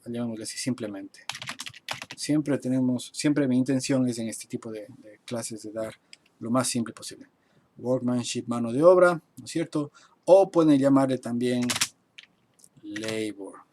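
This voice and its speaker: Man teaching slowly at his computer. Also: mid-range voice, warm tone. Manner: explains slowly, repeating and translating terms step by step. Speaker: architect teaching construction English. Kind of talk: live-streamed online class. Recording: faint noise and keyboard typing. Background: keyboard typing.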